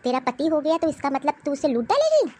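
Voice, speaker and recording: A woman performs cartoon voice acting as a domineering older mother-in-law, scolding in a harsh, taunting, commanding way. Her voice sits high and sounds mellow, very animated, and fast.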